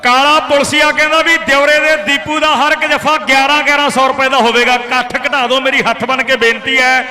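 A man's voice: extremely high pitch, level tone, brisk, hardly any pauses. A man with a Punjabi accent doing hearty, declamatory live kabaddi announcing, calling out names and sponsors with folksy flourishes. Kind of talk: live sports announcing, reading out names, sponsors and prize money. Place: outdoor village kabaddi tournament ground. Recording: loud crowd at outdoor ground. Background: crowd noise.

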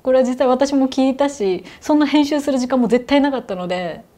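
A young adult woman telling a ghost story in conversation, her voice soft and hushed, at times sinking to near whispers. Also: high-pitched, a little fast. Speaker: guest storyteller.

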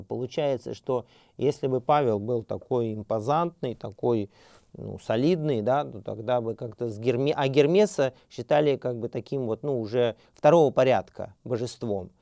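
A middle-aged man teaches a seminary class without a script, pausing on fillers and restarting his sentences as he works through his thoughts. His voice is gravelly and dark, recorded dry with no room sound. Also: medium pitch, no room sound. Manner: hesitant, many fillers and restarts, slows to read scripture aloud. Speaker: seminary lecturer. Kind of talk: unscripted academic lecture.

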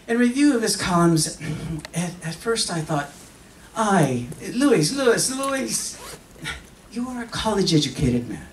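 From a podium on a theater stage, a middle-aged man with a high-sitting voice delivers a scripted monologue in a mix of Spanish and English. His reading is theatrical, emphatic, and expressive, marked by deliberate pauses into a microphone on a stand. The recording picks him up from afar in an echoey hall, with faint noise.

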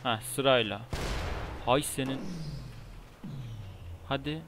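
A man's voice: medium pitch, slow. A man giving casual commentary while he plays a game, often exasperated and annoyed. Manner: frustrated, exasperated muttering. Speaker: gamer. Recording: noisy, with game gunfire behind.

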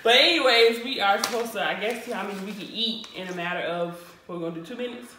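A woman's voice: medium pitch, fast, bright, forceful tone. Casual young woman in an echoey room. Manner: informal, colloquial. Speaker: vlog host. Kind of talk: casual chat. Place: indoor living room, around a table. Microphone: distant camera. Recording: echoey room, far mic, faint noise.

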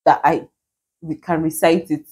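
A woman's voice: low voice, level tone, unhurried, a little mellow, husky. A woman with a Nigerian accent giving casual reaction commentary in a giggly, self-mocking way. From southeastern Nigeria. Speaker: YouTuber.

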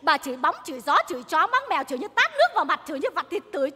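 A high, bright voice fires off scolding tirades at a rapid clip a feisty, foul-mouthed wine seller. It rings out in a long-reverb stage hall with faint noise behind. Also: female voice, big pitch swings, heavily acted. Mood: furious scolding. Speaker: comic stage actress. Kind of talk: stage comedy sketch. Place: theater stage.

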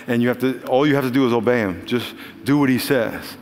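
A man's voice: mid-range voice, brisk. A middle-aged man, a pastor, leading an altar call and preaching earnestly from a large church stage. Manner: warm repetitive blessings, earnest and urgent. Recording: long hall reverb, faint band music. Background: soft band music.

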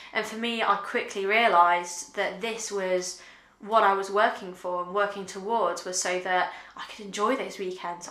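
A young woman talking earnestly and reflectively to camera in a casual vlog, pausing often with fillers, seated on a sofa at home. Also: medium pitch, bright, forceful tone, roomy sound. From United Kingdom. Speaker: vlogger. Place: living room with sofa, indoors.

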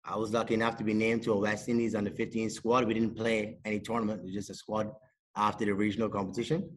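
A man, talking as a podcast guest on a video call in a small room, measured and modest, with many fillers. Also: on the low side, level tone, breathy edge. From Barbados. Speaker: sports psychologist and cricket coach, podcast guest. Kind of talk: casual interview talk. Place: indoors, small room with a plain wall.

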